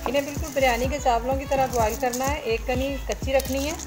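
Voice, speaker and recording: A woman calmly explaining a home recipe step by step as a cooking voice-over. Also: high voice, fast. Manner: calm, instructive, walks through each step. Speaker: cooking channel host. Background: background music and sizzling pan.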